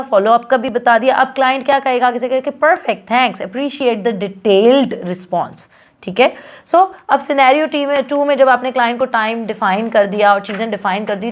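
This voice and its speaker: Woman teaching with a fairly high voice. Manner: explains with acted client dialogues and mixes English into her Hindi-Urdu. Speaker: freelancing skills instructor. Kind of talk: explanatory online lesson.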